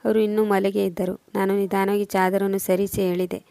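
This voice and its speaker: Woman storyteller, flat measured reading, mellow dry close-mic sound. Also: mid-range voice, vocal fry, no room sound. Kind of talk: first-person story narration.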